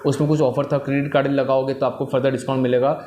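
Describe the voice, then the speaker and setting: A young man from India, an English trainer, telling students a motivational story. He talks in a lively way, switches between Hindi and English, and keeps checking in with "right?". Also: medium pitch, racing, slight background noise. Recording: roomy echo.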